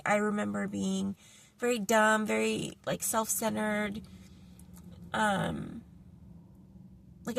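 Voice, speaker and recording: A middle-aged woman talks straight to the camera in a loose, unscripted vlog. Her voice has a gravelly, creaky edge, and she rambles along with lots of fillers and false starts. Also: a little high, fairly bright tone. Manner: rambling, many fillers and restarts. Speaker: vlogger. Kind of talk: casual vlog monologue. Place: parked car.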